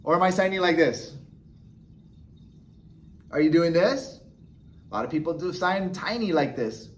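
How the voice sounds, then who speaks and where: A man's voice: on the high side, expressive, a little slow. A man teaching a beginner sign language lesson in a casual, encouraging way, often checking in with the viewer. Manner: encouraging, chatty, frequent "okay?" and "right?" checks. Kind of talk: casual instructional explanation.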